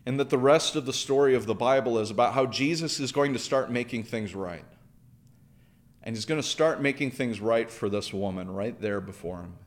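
A man's voice: mid-range voice, moderate pace. A man preaching a sermon, earnest, building through repeated phrases and questions. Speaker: pastor.

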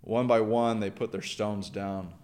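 A man's voice: on the low side, steady tone, a little slow, darkish tone. Earnest man preaching a sermon. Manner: earnest preaching with repeated phrases and restarts. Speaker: pastor.

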